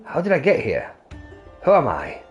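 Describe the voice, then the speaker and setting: A man's voice: fairly high pitch, huge pitch swings, muffled recording, faint music behind. A man doing Gigi, bewildered amnesiac boy. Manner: halting, bewildered.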